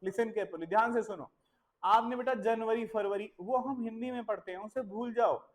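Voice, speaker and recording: A woman's voice: a little high, moderate pace, low-quality recording. A woman teaching a classroom of children, patiently repeating words to drill pronunciation and mixing English phrases into her Hindi. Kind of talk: classroom lesson. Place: village school classroom.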